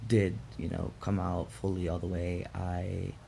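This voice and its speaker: Low, creaky-voiced young man vlogging. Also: completely flat delivery, dark tone, a little hiss or hum. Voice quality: gravelly, throat-clearing. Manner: candid, reflective, halting delivery. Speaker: vlog host. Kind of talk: casual personal vlog. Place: outdoors in chilly morning air.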